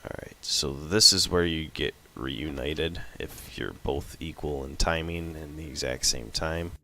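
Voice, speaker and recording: A man with a sick voice giving relaxed, casual commentary over his own gameplay, thinking aloud as he plays. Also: rumbling low, a little slow, gravelly. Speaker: gameplay video host.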